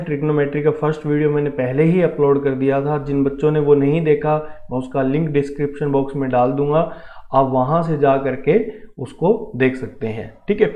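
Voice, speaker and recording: A man with an Indian accent teaches an online math lesson, his voice sitting a little high. He explains steadily and encouragingly, checking often that his students keep up. The sound is thin and phone-like, with a roomy echo. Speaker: math teacher for defence entrance exams. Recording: tinny phone-like audio with room echo.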